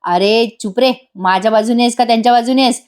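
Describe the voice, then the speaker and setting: A woman's voice: fairly high pitch, fast, a little mellow, natural voice. Woman reading a sulky flustered young husband. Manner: sulky, complaining.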